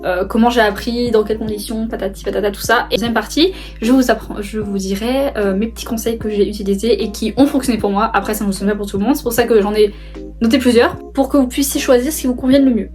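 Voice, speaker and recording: A young adult woman, a book vlogger, chats casually to her phone camera, rambling with lots of fillers and restarts and laughing often. Her voice is a little high and darkish, with a steady tone and fast delivery. Soft music plays in the background.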